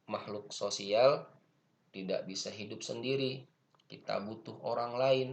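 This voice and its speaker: Slow, gravelly Indonesian male teacher. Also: mid-range voice, highs cut off. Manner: slow, patient explaining, repeating each point. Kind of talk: online English grammar lesson.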